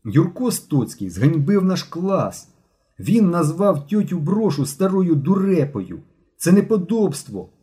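A man voicing Genka, a hot-headed schoolboy who talks loudly and excitedly. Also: fairly high pitch, moderate pace, hardly any pauses, pitched above the performer's own voice. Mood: indignant. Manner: excited, shouting.

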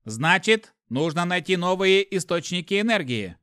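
A man voicing a cold, calm ship computer. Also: high voice, moderate pace, clear, resonant tone, no room sound, studio quality, voice pushed up, heavily acted. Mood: cold, announcing. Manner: flat, emotionless announcing tone. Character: cold, detached onboard ship computer, genderless machine. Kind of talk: audiobook reading.

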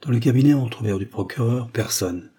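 A man narrating a detective story aloud in steady, measured storytelling. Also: mid-range voice, slightly rough. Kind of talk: audiobook reading of a detective story.

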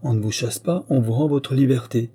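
A man reading the lines of a calm, kindly and authoritative old prince in an audiobook, speaking evenly and quietly commanding. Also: medium pitch, brisk, slightly rough, pitched above the performer's own voice, lightly acted. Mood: calm authority. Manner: even, quietly commanding delivery.

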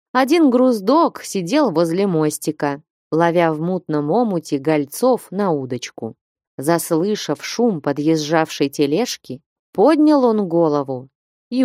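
A woman narrating classic prose as an audiobook in an expressive storytelling manner. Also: deep voice, dry recording, clean studio sound.

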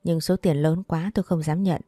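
A woman's voice: lowish voice, steady tone, moderate pace, warm tone, husky, dry recording, studio quality. A woman reading the lines of a shy, modest young bride in an audio story. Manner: shy, hesitant.

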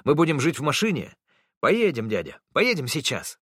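A man voicing a small boy who pleads in a high child's voice. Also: wildly swooping pitch, normal speed, a bit bright, husky, dry recording, studio quality, full character voice. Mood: eager. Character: small boy, eager then frightened and tearful.

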